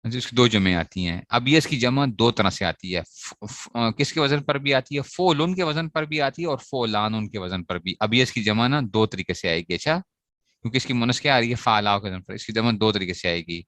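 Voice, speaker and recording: A man's voice: mid-range voice, normal speed, a bit bright, dry recording. A man teaching a grammar lesson to students, asking questions and answering them himself as he repeats the key points. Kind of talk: classroom lecture on Arabic grammar.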